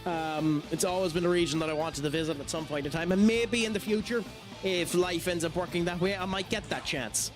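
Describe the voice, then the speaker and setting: A man's voice: high-pitched, a little fast, over music. Easygoing Irish man streaming a game. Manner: chatty, easygoing, reads chat aloud. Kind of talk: casual live-stream chat.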